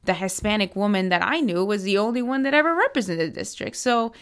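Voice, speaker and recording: A woman's voice: medium pitch, lively intonation, quick pace, fairly bright tone, clean tone. Earnest woman political strategist from Miami. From Miami, United States. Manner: earnest, passionate, many fillers and restarts. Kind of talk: interview answers.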